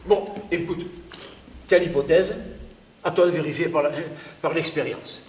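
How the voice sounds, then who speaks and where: A man's voice: fairly high pitch, fairly even intonation, a little slow, darkish tone, slight background noise, close to an everyday voice. Man as an exasperated scholar, argumentative, theatrical, declamatory, long reverb, distant microphone. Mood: commanding. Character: Galileo, stubborn, exasperated scholar losing his sight. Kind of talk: theatrical stage acting. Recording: echoey theatre hall from far off.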